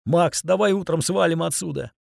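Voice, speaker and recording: A man's voice: fairly high pitch, normal speed, creaky, dry recording, clean studio sound, pitched above the performer's own voice. A man voicing a frightened young woman who talks in an anxious, pleading way.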